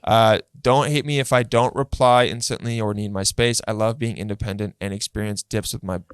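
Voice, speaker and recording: A man's voice: fairly low pitch, fairly even intonation, brisk, clean tone, no room sound, studio quality. A young man co-hosting a casual dating podcast, blunt and candid with lots of fillers. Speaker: podcast co-host.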